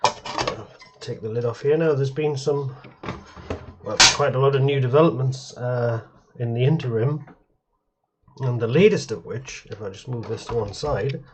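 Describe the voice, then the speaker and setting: A man with a mid-range voice talks at normal speed in a very noisy clip, giving a casual show-and-tell of computer hardware at his home workbench. He's a retro computer hobbyist who rambles, hesitates and often corrects himself mid-sentence. The audio is also slightly dull and muffled.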